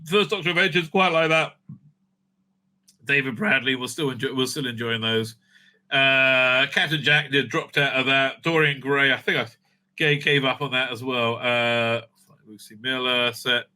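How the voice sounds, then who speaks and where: Unhurried and sharp in tone, a man with a mid-range voice hosts a casual fan review. He rants bluntly and opinionatedly, swearing a lot, showing exasperation, and often checking in with "right?" after his points.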